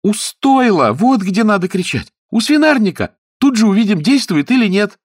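A man voicing an eager, excitable young woman in a read-aloud story. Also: high voice, moderate pace, breathy edge, no room sound, studio quality, pitched above the performer's own voice, full character voice. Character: bright, eager young woman, the earl's niece.

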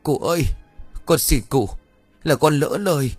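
A man's voice: on the high side, unhurried, slightly rough, no echo, soft background music, voice pushed up. A man voicing a desperate young male servant who begs tearfully for mercy. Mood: pleading, desperate. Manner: tearful begging.

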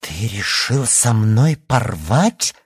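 A man voicing a vain, pushy teenage girl in an audiobook, speaking high and loud. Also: sing-song, drawn-out words, slightly rough, no echo, clean studio sound, heavily acted. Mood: pleading. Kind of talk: audiobook character voice.

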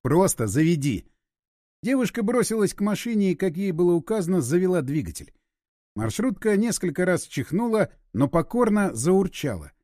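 A man narrating an audiobook with an expressive, dramatic reading. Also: high-pitched, fairly quick, dry recording, clean studio sound.

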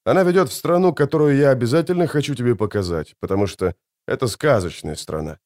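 A man's voice: mid-range voice, fast, darkish tone, voice pushed up, close to an everyday voice. A man voicing a grim, laconic male witcher in a fantasy audiobook, speaking tersely. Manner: terse and curt.

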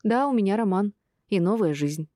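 A woman voicing a calm, decisive middle-aged mother who speaks in a level, stern tone. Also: medium pitch, normal speed, no echo, clean studio sound, pitched above the performer's own voice, lightly acted. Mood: firm.

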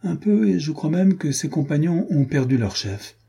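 A man voicing a calm, cold young nobleman swordsman, in a husky voice pitched above his own. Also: moderate pace, heavily acted. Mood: cool.

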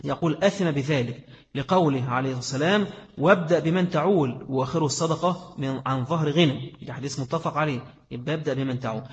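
Man, Egyptian accent, preacher, very rapid delivery, slightly high voice, reverberant hall. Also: highs cut off. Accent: Egyptian Arabic. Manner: asks the audience questions and answers them himself; acts out quoted voices in dialect. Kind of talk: religious lesson.

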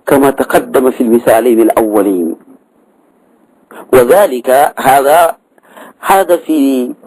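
A man's voice: on the high side, darkish tone, no room sound, low-quality recording. A man teaching grammar, explaining a verse text in a lecture, repeating key words and prompting with short tags.

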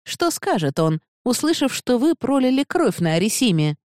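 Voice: medium pitch, sing-song, normal speed, darkish tone, dry recording, voice pushed up, lightly acted. A reader voicing a brave young woman who stands up firmly to armed guards, in a dry, close recording. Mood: defiant. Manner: firm, imploring. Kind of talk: audiobook character voice.

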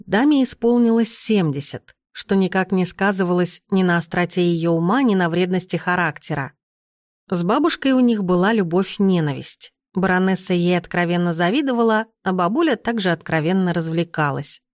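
Low-voiced woman narrating an audiobook. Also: moderate pace, no echo, clean studio sound. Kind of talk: scripted narration.

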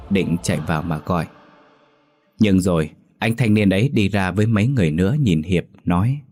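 A man narrating a scripted ghost story in a steady storytelling manner. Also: sits low.

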